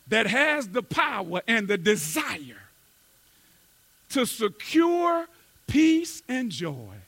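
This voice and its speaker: A man preaching a sermon, telling a story that climbs from quiet talk to shouted emphasis. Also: on the high side, gravelly, husky. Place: church.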